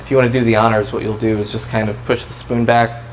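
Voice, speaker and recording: A man's voice: on the low side, level tone, fast talker, low-quality recording. A man working as a coffee roaster, explaining things in a casual interview chat with loose, hesitant phrasing. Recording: clear background room noise.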